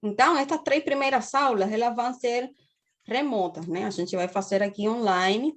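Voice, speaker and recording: A woman's voice: fairly high pitch, moderate pace. Cuban-accented woman lecturing in a class. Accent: Cuban Spanish. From Cuba. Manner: explanatory, often tags phrases with "né?". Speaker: university lecturer.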